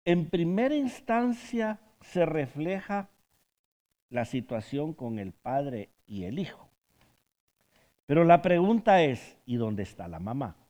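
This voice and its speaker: Mujer que enseña en tono conversacional y animado. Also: female voice, deep voice, sing-song, slow pace, dark tone. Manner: asks the group questions, often adds a tag question at the end; tells stories from her own counseling work. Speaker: Bible study teacher. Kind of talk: conversational Bible study teaching.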